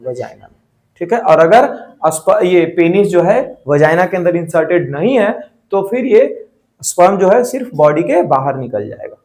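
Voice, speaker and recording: A man's voice: high voice, lively intonation, moderate pace, a little mellow. A man teaching a biology class, asking questions and answering them himself, mixing English terms into Hindi and checking in often. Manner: frequent "theek hai" check-ins.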